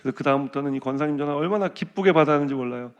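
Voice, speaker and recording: A middle-aged male pastor giving a sermon, telling a personal story in an animated way and acting out his prayers and other people's words. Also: fairly high pitch, rapid-fire, muffled recording. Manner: animated storytelling, acts out prayers and quoted voices. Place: church.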